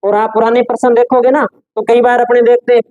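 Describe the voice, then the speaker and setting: Male teacher dictating notes slowly. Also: extremely high pitch, level tone, darkish tone, no echo, lo-fi sound. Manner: repeats key phrases slowly for note-taking. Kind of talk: classroom lecture dictating notes.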